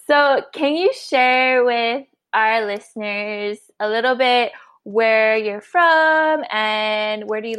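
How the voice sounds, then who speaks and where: A woman's voice: a little high, fairly bright tone. A woman from Hawaii hosting a podcast, chatting in a friendly, casual way with fillers. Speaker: podcast host.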